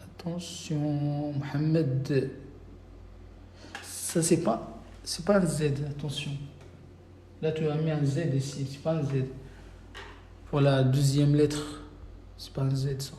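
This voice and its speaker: A man's voice: fairly high pitch, steady tone, slow, pauses often, warm tone. A man teaching a live-stream lesson, patiently reading out viewer names and correcting them one by one. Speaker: Arabic teacher. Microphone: phone. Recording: echoey room, faint background noise.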